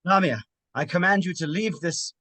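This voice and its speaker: A man's voice: sits high, normal speed, bright, forceful tone, dry recording. A man playing a grave, formal spiritualist who addresses a demon in a horror drama. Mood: commanding. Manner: formal, imploring and commanding. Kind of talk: dramatic horror script reading.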